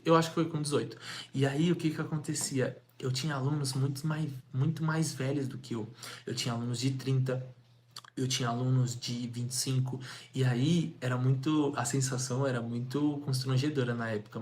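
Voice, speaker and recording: A young man from Brazil delivers a motivational sales talk at a middle pitch. He talks energetically, repeats himself and poses rhetorical questions. A faint hiss of noise sits behind him. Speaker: sales coach.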